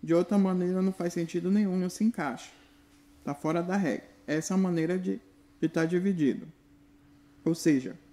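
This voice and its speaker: A man explains a point step by step, speaking straight to the viewer. His voice is mellow and dark in tone, though fairly high for a man. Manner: direct, addresses the viewer, instructive. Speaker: religious teacher. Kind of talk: explanatory video lesson.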